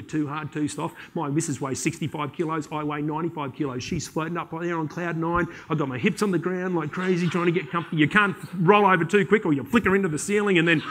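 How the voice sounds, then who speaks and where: An Australian man giving a conference keynote, telling comic stories and briefly slipping into voices for the people in them. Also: a little high. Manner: animated, joking, slips into quick voices for people in his stories. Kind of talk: comic storytelling talk to an audience.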